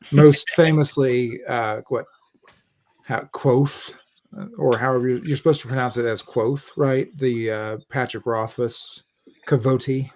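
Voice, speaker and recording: A man in a casual online book club who rambles, with throat-clearing and trailing asides. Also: mid-range voice, steady tone, slow pace, darkish tone.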